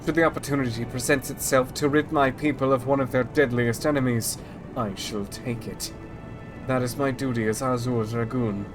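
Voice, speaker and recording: A man's voice: medium pitch, fairly even intonation, moderate pace, music in the background, close to an everyday voice, poor audio. A man voicing a grim, proud, hostile knight who hunts dragons, in stern archaic fantasy game speech. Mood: grim defiance.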